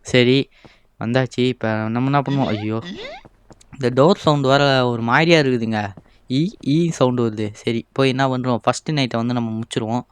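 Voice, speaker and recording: A man's voice: fairly even intonation, brisk, clean tone. A young man, commenting on a horror game in a playful, exasperated way and voicing the game's characters. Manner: playful, exasperated, switches to shrill panic when scared. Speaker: gameplay commentator.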